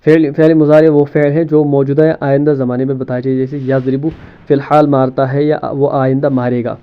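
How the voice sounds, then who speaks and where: In a classroom-style lesson, a man with a medium-pitched, flat, clean-toned voice explains grammar terms step by step. He asks questions and answers them himself, repeats words often and mixes in English terms. The audio is narrow and tinny.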